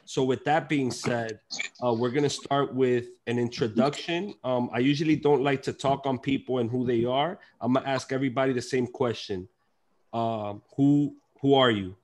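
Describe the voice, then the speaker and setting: A man's voice: mid-range voice, normal speed, a little mellow. A man hosting a panel over a video call on a headset, talking loosely with many fillers and restarts. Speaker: host and moderator.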